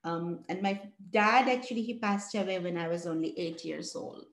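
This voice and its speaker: A woman from Bangladesh talks through her story as an interview guest, earnest and reflective, pausing to restart her thoughts. Her voice carries a roomy echo, as if recorded in an open, hard-walled space. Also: on the low side. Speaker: guest, founder of a mentoring program. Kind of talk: interview answers.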